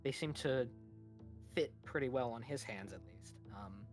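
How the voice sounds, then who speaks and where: A woman's voice: rumbling low, measured pace, darkish tone, faint music behind. A woman narrating as game master of a tabletop game, chatty and giggly as she sets the scene.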